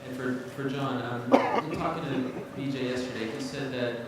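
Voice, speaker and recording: A man's voice: mid-range voice, fairly even intonation, moderate pace. A man working as a reporter, putting long questions to people at a press conference. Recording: cavernous echoey hall, distant, noisy.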